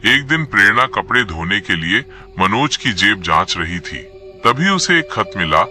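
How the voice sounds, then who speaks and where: A man's voice: fairly low pitch, big pitch swings, a little slow, pushed and bright. A man narrating a scripted horror story in a dramatic, suspenseful manner. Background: faint music.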